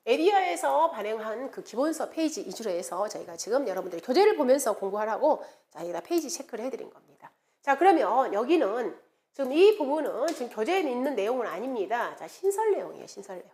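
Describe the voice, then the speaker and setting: A middle-aged woman lecturing to exam students, her voice set a little high and swinging widely up and down. She repeats key terms over and over and breaks into sing-song memory chants. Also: quick pace. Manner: animated, repeats key words, playful mnemonic chanting. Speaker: exam prep instructor.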